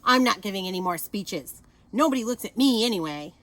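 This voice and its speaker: A woman's voice: mid-range voice, lively intonation, a little fast, fairly bright tone, close to an everyday voice, low-quality recording. A woman voicing an earnest male police officer from a storybook, announcing his lines emphatically. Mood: grumpy, dejected.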